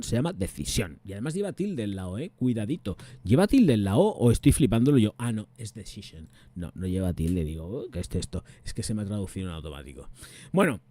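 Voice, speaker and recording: A man from talks casually through perfume notes, often thinking aloud and trailing off while he checks details. His voice is mellow and warm. The sound is dry and close to the mic. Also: medium pitch, dry recording. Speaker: perfume reviewer. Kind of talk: casual chat.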